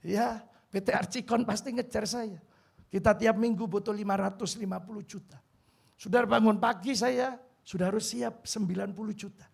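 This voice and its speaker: A pastor in his fifties preaching a sermon in a church hall, emotional and pleading, swinging from quiet to loud. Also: high voice, steady tone, moderate pace, creaky, husky.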